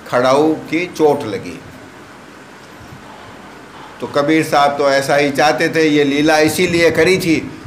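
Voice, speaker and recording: A man's voice: on the high side, a bit bright. A man preaching in a slightly raised voice, telling a devotional story and acting out what its people say. His voice rings in a roomy, echoing space with a faint hum of ambient noise behind him. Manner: retells a saint's tale, acting out the dialogue. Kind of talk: sermon storytelling.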